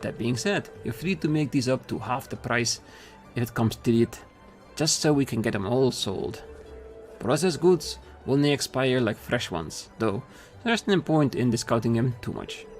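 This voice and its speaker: A man's voice: mid-range voice, animated, normal speed, faint music behind, natural voice. A man voicing a brusque middle-aged market trader with a put-on Scottish accent, giving blunt instructions sprinkled with dialect words. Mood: brisk.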